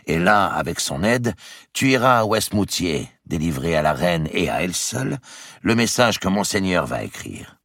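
A man voicing a shrewd, calculating old male banker in an audiobook, measured and wheedling. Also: low voice, sing-song, a bit bright, no echo, studio quality, pitched above the performer's own voice, heavily acted. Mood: instructive. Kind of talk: audiobook character reading.

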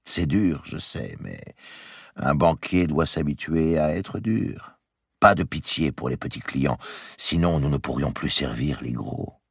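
A man voicing a shrewd, calculating old male banker in an audiobook, measured and wheedling. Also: extremely low pitch, expressive, creaky, slightly rough, no echo, studio quality, full character voice. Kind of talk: audiobook character reading.

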